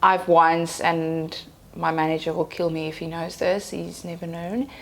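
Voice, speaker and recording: On a podcast, a young woman working as an event planner chats casually and tells stories, slipping into Afrikaans phrases now and then. Her voice sits fairly low, level in tone, and she takes her time.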